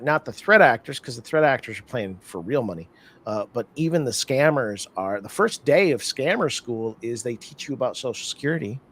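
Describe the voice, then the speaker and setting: A man hosting an interview in casual chat, animated and talkative, acting out other people's lines as he tells stories. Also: mid-range voice. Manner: animated storyteller, acts out scammers' lines in quick bursts. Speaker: podcast host.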